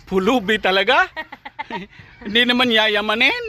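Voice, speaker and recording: A man's voice: high-pitched, big pitch swings, moderate pace, pushed and bright. A man vlogging outdoors in the countryside, chatting casually and joking, laughing often.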